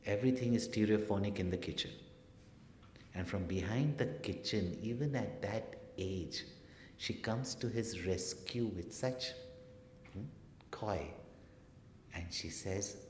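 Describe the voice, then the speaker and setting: A man telling a story in a spiritual discourse, acting out the people he quotes and dropping to a hush for suspense. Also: fairly low pitch, a little slow, pauses often. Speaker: spiritual teacher. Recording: echoey hall, faint noise.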